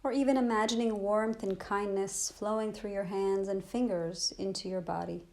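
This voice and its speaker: This body scan meditation is taught by a woman whose medium-pitched voice has fairly even intonation. She is gentle and calming, never rushing, and lets long pauses settle between phrases.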